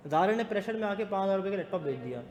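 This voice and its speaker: A man teaching a business law class in a classroom. He talks fast, teases students and mixes English into his speech. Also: sits high, lively intonation, darkish tone. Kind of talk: classroom lecture. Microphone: not using the class mic. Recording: echoey classroom with long reverb and faint noise.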